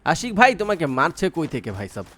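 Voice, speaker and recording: A man's voice: a little high, wildly swooping pitch, quick pace, a bit bright. A young man giving casual, playful commentary while playing a mobile shooter, teasing his opponents and coaching his teammates. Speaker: mobile game streamer.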